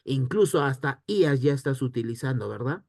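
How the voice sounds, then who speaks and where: A man teaching an online history lesson, asking himself questions and answering them in a lively way. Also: medium pitch, a little fast, creaky, no echo, studio quality. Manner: lively, rhetorical questions to students.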